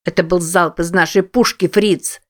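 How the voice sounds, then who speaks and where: A woman voicing a brash, defiant young boy who leads a gang of kids, shouting and taunting in an audiobook. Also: lowish voice, steady tone, moderate pace, lightly acted.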